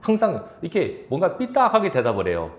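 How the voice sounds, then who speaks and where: In a church sanctuary, a pastor delivers a sermon in a voice on the high side whose pitch swoops wildly. He talks a little fast, chuckles now and then, and acts out the lines he quotes, all in a roomy-sounding space.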